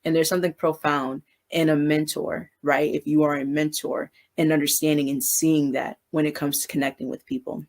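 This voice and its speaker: A woman mentor giving a casual, high-energy devotional talk on business relationships, often asking "you know what I'm saying". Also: little pitch movement, normal speed, few pauses, darkish tone. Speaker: faith-based business mentor.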